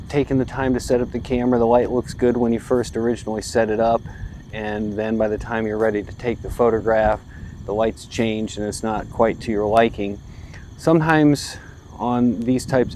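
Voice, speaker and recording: A fairly low-voiced man in his forties speaks outdoors beside a country road. He explains his work in a loose, easygoing way, pausing often with ums and restarting sentences. Faint insects and crickets chirp behind him. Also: a little mellow, a little hiss or hum. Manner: easygoing, thinks aloud with many ums and restarts. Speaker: photographer vlogger. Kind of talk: casual on-location explanation. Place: outdoors on a rural roadside by fields.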